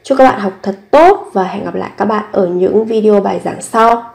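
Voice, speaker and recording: A woman's voice: medium pitch, normal speed, creaky, darkish tone. A woman teaching a language lesson, patiently repeating each phrase and explaining it step by step. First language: Vietnamese.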